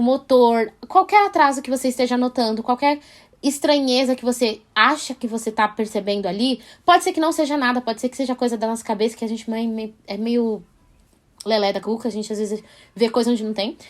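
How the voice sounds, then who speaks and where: A young Brazilian woman with a São Paulo accent, explaining parenting tips in a friendly, casual vlog and checking in with the listener with quick tag questions. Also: on the high side. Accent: Brazilian Portuguese, São Paulo. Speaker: parenting vlogger.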